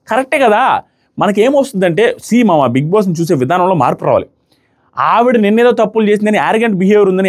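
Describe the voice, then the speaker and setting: A man giving a casual commentary recap of a reality show, quickly acting out what the contestants said. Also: sits high. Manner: rapid animated recap, acting out contestants' words. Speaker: show reviewer.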